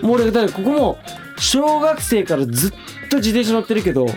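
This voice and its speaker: A man's voice: high-pitched, very animated, a little fast, a little mellow, faint music behind. Chatty young man on a radio show. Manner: chatty, laughing, rambling. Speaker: radio show co-host reading listener letters. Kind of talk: casual radio chat. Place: radio studio.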